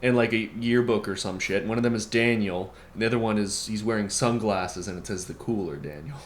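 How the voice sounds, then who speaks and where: A man's voice: lowish voice, a little fast. A man co-hosting a casual podcast, bantering in a sardonic, profane way. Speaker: podcast co-host and editor. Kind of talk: casual chat.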